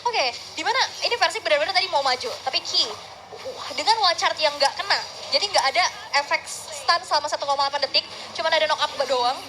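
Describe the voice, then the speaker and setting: A woman with an Indonesian accent co-commentating a live game in an excited announcer style. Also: high voice, fast talker. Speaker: esports match co-commentator. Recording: clear game noise behind the voice.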